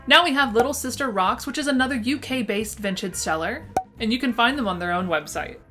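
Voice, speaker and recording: A woman's voice: a little high, a little fast. A woman with a lisp that makes her s slushy, enthusiastically presenting a scripted roundup list. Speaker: presenter of a vintage shop roundup. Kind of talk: upbeat scripted list narration to camera. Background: background music.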